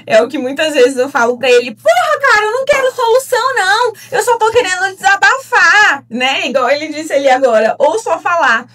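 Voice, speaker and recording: Brazilian lady therapist, high pitched, keeps asking the audience questions, mic kinda far off. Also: fairly bright tone. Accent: Brazilian Portuguese. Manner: earnest, addresses listeners directly with rhetorical questions. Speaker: relationship therapist. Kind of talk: teaching talk to an audience. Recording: voice a bit distant from the mic.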